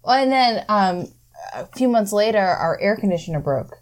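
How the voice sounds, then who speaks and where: A woman's voice: medium pitch, lively intonation, normal speed. Woman telling wry, sarcastic stories. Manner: storytelling, wry and sarcastic, acts out others' lines. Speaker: guest. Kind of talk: casual chat.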